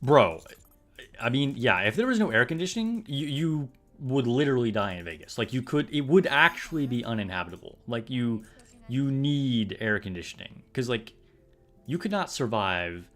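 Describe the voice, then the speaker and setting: A man's voice: medium pitch, sing-song, moderate pace, fairly bright tone, soft background music. A man streaming a game, chatting casually with viewers in a laid-back, rambling way full of fillers. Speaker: gaming streamer. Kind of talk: casual live-stream chat.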